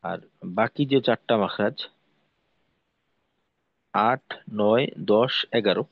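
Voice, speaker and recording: A man's voice: fairly low pitch, takes it slowly, creaky, no echo, narrow, tinny audio. A man teaching the pronunciation of Arabic letters in a lesson, patiently repeating his points and demonstrating each sound. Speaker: Quran recitation teacher.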